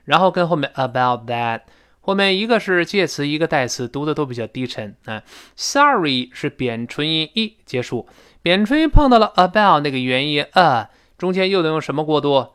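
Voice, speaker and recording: Lively, clear-voiced male teacher. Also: a little high, brisk. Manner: lively explanatory teacher who demonstrates the sounds he describes. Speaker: English pronunciation teacher. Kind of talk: recorded audio lesson explaining English intonation.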